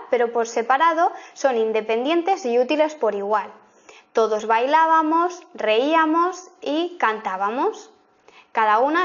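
A woman teacher explaining grammar in a lesson, repeating example sentences slowly to make each point. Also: a little high, muffled recording. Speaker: language teacher.

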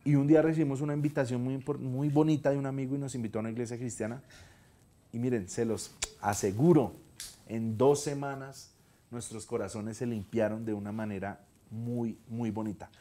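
A Colombian man in his thirties tells a personal story as a talk-show guest. He is animated and earnest, and he switches voices to act out the people he quotes. His voice sits at a middling pitch. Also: brisk. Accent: Colombian Spanish.

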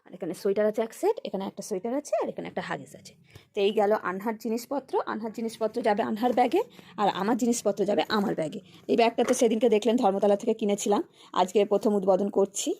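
Chatty mom vlogger. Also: female voice, mid-range voice, rapid-fire, dark tone. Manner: coaxing sing-song chatter with a toddler, then chatty asides to viewers. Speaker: family vlogger and mother. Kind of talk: casual family vlog.

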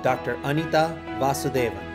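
A man calls out graduates' names in a formal roll call, steady and measured, each name given its own moment. Clear music plays underneath him throughout. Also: mid-range voice. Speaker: ceremony name reader.

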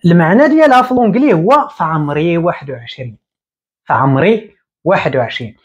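A man in his thirties with a Moroccan Arabic accent, teaching English at a whiteboard and repeating each word slowly. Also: fairly high pitch, expressive, husky. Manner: explains slowly, repeating words and drawing them out. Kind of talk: whiteboard lesson. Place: small room indoors at a whiteboard.

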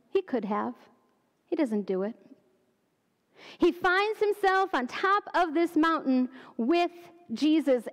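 A middle-aged woman pastor preaches in an unhurried, chatty way, tossing rhetorical questions to the pews. Her voice sits high, and the far-off mic catches the long reverb of a church sanctuary. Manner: conversational, rhetorical questions, laughs at her own asides. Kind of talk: sermon. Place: church sanctuary, in front of the altar. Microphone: far camera, room sound.

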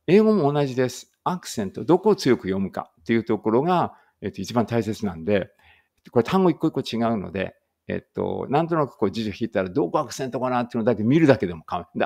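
A man with an Ibaraki Japanese accent, an English teacher who reads English slowly word by word and then explains quickly in Japanese. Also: medium pitch, vocal fry, a little mellow. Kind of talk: slow English read-aloud lesson with Japanese explanation.

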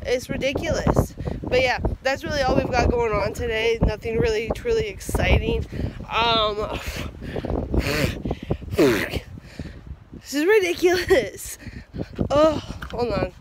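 A woman's voice: on the high side, moderate pace. A young woman chatting casually and swearily to camera as a vlogger, outdoors on a phone held at arm's length, with wind on the mic. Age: young adult. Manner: informal, sweary. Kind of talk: casual vlog chat to camera. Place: outdoors, walking along a residential street. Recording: loud wind buffeting the microphone.

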